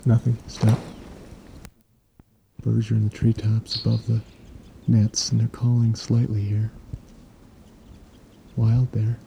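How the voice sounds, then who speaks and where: A man quietly dictating clipped field observations into a recorder outdoors at a forest clearing at dawn, ending each entry with "stop". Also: on the low side, completely flat delivery, slow, long pauses, slight background noise. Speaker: field researcher logging bird activity.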